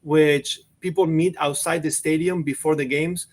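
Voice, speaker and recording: A man's voice: a little high, fairly even intonation, normal speed. A man on staff at a university, explaining things casually in an online info session, with a lot of "you know" and "like".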